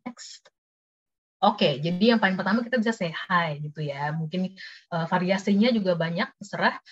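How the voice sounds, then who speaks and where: A young woman teaches workplace English over a video call. Her talk is chatty and easygoing, and she says the example phrases slowly and clearly. The audio is slightly dull and muffled, like a webinar recording. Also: lowish voice. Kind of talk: casual online lesson.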